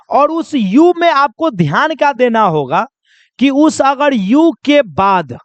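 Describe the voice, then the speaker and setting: A man's voice: extremely high pitch, no echo, dull audio. A male pronunciation teacher giving a lesson, asking a question and then answering it himself, and repeating key points. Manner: spells words out slowly. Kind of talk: classroom lesson.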